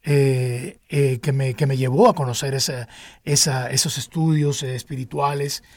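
A man's voice: mid-range voice, steady tone, moderate pace, no room sound, clean studio sound. An older man from Cuba with a Cuban Spanish accent, a singer telling his life story in an interview, with many restarts and fillers. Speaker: guest singer.

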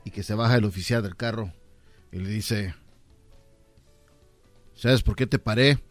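A man on a radio comedy show telling a joke in a lively way, switching voices for the characters in it. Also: fairly low pitch, a little slow, no room sound, soft background music.

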